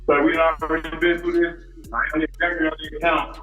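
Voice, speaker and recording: A man's voice: on the high side, level tone, quick pace, pushed and bright, faint music behind. A man defendant insistently talking over a judge in a courtroom. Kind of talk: courtroom hearing. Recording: roomy courtroom audio.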